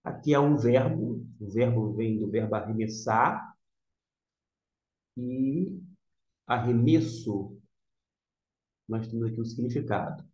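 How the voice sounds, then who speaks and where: Slow man teaching a lesson. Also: mid-range voice, a little mellow. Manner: slow, explaining step by step, repeats words. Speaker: Greek teacher. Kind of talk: slide-based vocabulary lesson. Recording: roomy, dull lo-fi sound.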